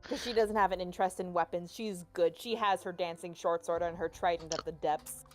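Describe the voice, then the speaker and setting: A woman's voice: fairly low pitch, steady tone, brisk. Woman player, plain matter-of-fact chat, faint music under it. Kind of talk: casual game chat.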